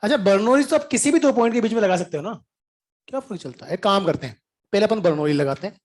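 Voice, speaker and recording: During an informal physics class, a man with a high, slightly mellow voice speaks animatedly and fast. He blends English terms into his speech, clears his throat from time to time, and checks whether the class followed along.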